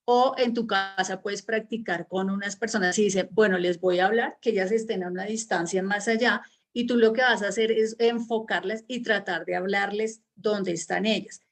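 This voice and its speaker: A woman's voice: mid-range voice, fairly even intonation, moderate pace. A woman with a Colombian accent teaching an online public speaking workshop over a video call, conversational and encouraging, with many fillers. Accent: Colombian Spanish.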